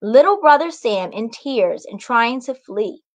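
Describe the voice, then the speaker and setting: With a slightly high, sing-song voice and an unhurried pace, this young children's author reads a storybook and speaks encouragingly straight to the children. She's on a video call microphone in a small room at home, with no room sound audible.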